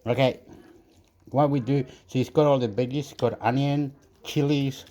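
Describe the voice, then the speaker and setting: A man's voice: medium pitch, fairly even intonation, moderate pace, dark tone. A man from southern Chile with a Chilean accent, chatting loosely through a home cooking vlog, rambling and mixing English with Spanish. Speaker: cooking vlogger. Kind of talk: casual cooking vlog with pep talk. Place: home kitchen.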